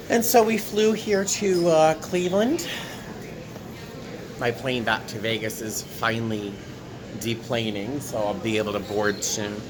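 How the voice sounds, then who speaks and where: A tired man chatting casually to his handheld camera as a flight attendant vlogger, recorded in an airport terminal. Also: on the low side. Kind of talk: casual vlog chat to camera. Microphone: handheld camera at arm's length. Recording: clear airport background noise.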